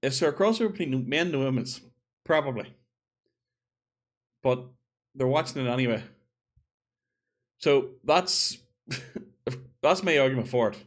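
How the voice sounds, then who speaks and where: A man's voice: mid-range voice, expressive, a little slow, long pauses. A man giving a casual opinion monologue, chatty and thinking aloud as he corrects himself. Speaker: gaming video creator.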